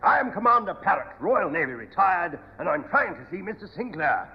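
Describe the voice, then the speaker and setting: A pompous retired naval commander, clipped and formal, with a high voice that swings widely. The radio comedy recording is muffled and noisy. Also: male voice, big pitch swings, fairly quick, in a large hall. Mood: suspicious, indignant. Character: pompous, suspicious retired Royal Navy commander. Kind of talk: 1970 radio sitcom acting.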